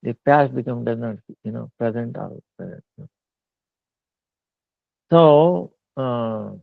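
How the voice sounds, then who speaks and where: A man giving a slow devotional discourse, pausing often with fillers. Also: mid-range voice, vocal fry, no room sound. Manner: slow halting talk with many fillers. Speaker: spiritual teacher. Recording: tinny phone-like line.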